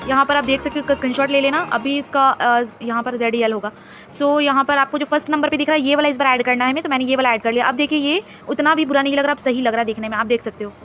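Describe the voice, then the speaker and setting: A woman's voice: high-pitched, fairly even intonation, very fast, fairly bright tone, faint music behind. A woman hosting a screen-recorded design tutorial, chatty and instructive, mixing English words into her Hindi.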